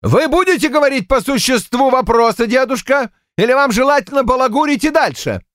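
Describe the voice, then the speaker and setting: A man's voice: very high voice, lively intonation, fairly quick, fairly bright tone, no room sound, voice pushed up. Man as indignant farm leader, icily polite, cutting, dry voice.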